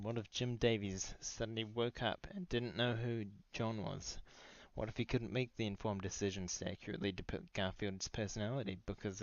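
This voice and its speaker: Deadpan mock-solemn man, low and lo-fi. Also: dry recording. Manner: grandiose, deadpan earnestness with sudden shouted outbursts. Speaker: comedic monologue performer. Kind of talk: mock-solemn dramatic monologue. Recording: dull lo-fi recording.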